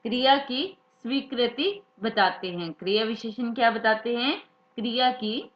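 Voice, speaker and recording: A woman's voice: on the high side, animated, measured pace. A woman teaching a grammar lesson, who repeats key words and asks them back to her students as questions. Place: classroom or study room, writing examples. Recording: echoey room, dull lo-fi sound.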